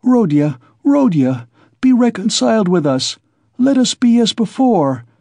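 A man voicing a distraught elderly mother who cries out high, imploring pleas. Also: sing-song, a little slow, creaky, mellow, dry recording, studio quality, heavily acted.

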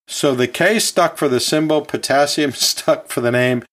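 This man hosts an educational podcast and teaches anatomy and physiology, speaking like a chatty teacher in a folksy, conversational style. His voice sits fairly high, with a fairly bright tone and a moderate pace. He chuckles often and drops casual, self-correcting asides.

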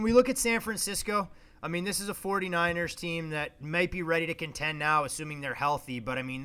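A man's voice: a little high, bright, forceful tone, clean tone. A man co-hosting a sports betting podcast, chatting casually with wry asides. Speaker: podcast co-host.

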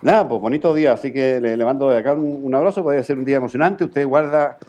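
A Chilean man with a mid-range voice talks as a radio host in a conversational way. He is courteous and builds his points haltingly, tagging on small questions to check agreement. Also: medium pitch, darkish tone, lo-fi sound. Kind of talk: conversational political commentary.

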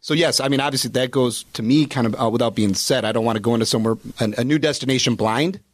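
A man's voice: mid-range voice, quick pace, no room sound. Dry-voiced man advising on retirement money. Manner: explanatory, with many "you know" fillers. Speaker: financial advisor. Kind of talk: casual radio chat.

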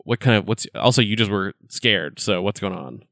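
A man's voice: lowish voice, normal speed, gravelly, a bit bright, no room sound, studio quality. A man narrating as game master of a tabletop game, rambling with fillers.

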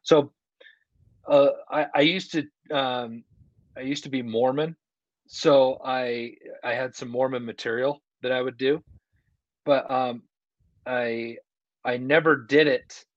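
This man's mid-range voice stays fairly even as he talks slowly with frequent pauses, sharing a laid-back anecdote as a comedian guesting on a podcast. He speaks conversationally, quoting others' dialogue, on a video call from a hallway that leaves the recording echoey and muffled.

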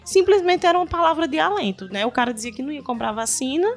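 Opinionated woman, slightly high voice. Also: animated, fast talker, soft background music. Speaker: podcast co-host. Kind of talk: casual political chat.

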